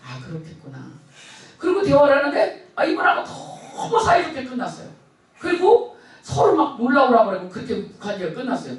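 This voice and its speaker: A man's voice: very high voice, lively intonation, fairly quick. A male pastor preaching a Sunday sermon, telling a personal story with dramatic swings and bursts of laughter. His voice rises and falls widely. It rings through a very reverberant church sanctuary, heard from some distance off the mic. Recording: echoey church hall, speaker off-mic.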